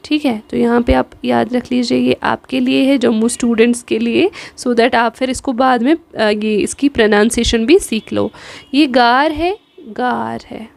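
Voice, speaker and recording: A woman with a Kashmiri accent giving an exam-prep lesson on the Urdu script. She spells out the letters slowly and keeps checking in with her students. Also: on the high side, steady tone, creaky, darkish tone. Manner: patient, repeats "theek hai", spells letters slowly. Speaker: Urdu teacher.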